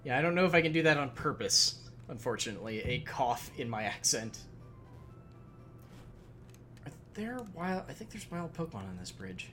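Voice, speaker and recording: A man hosts a let's play, rambling casually, swearing now and then and reading game text aloud over the game music. His mid-range voice is very animated and sharp in tone, at a moderate pace with long pauses.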